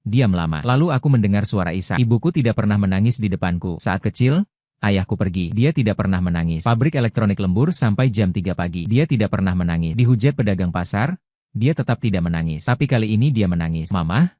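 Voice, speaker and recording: A man narrating a story in the first person with steady, even delivery. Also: lowish voice, quick pace, no echo, clean studio sound.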